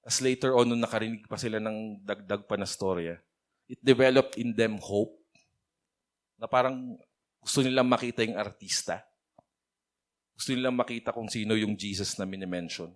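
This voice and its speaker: Casual low-voiced male preacher. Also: steady tone, normal speed, pauses often. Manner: chatty, mixes English phrases into his speech; addresses listeners by name. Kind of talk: casual conversational sermon.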